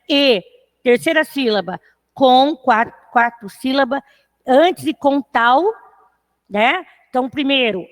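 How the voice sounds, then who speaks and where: Woman, high-pitched, patient online literature teacher who checks in with students after most phrases. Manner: counts syllables aloud slowly. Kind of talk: online class lecture.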